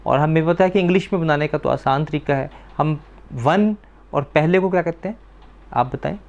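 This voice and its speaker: A male teacher with a fairly high voice gives a children's lesson. He sounds patient, repeating each word slowly so the class can copy it, and often stops to ask the pupils questions and confirm their answers. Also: vocal fry, muffled recording. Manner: patient, repeats words slowly to drill pronunciation. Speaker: language teacher.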